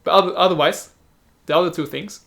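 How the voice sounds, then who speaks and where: A young man with a somewhat high voice chats casually about films. He is lively and animated, and he slips easily into imitating how other people talk. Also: vocal fry. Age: young adult. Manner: chatty, animated, quick to imitate others' speech. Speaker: podcast co-host, film student. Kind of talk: casual film discussion.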